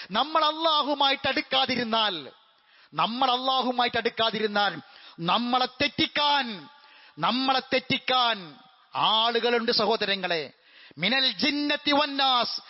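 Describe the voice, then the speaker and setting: Man, Friday mosque sermon, fervent, repeats phrases, chants Arabic, high voice, muffled recording. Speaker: Friday preacher.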